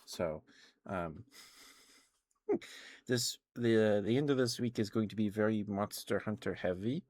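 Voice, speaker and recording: A streamer with a fairly low voice chats during a casual ASMR session, thinking out loud in a rambling, informal way with hesitant, halting phrasing. The recording is dry.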